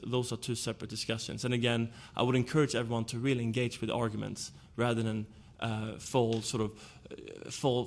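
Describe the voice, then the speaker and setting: With measured, deliberate speech and a moderate male pitch, a man from Sweden argues on a panel in a Swedish accent. He builds his case methodically, setting out each point in sequence.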